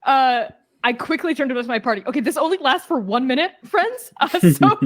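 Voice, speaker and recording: A woman playing a tabletop game in a casual, chatty way. She describes her character's actions and laughs often. Her voice is fairly high. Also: very animated, fairly quick. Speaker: player.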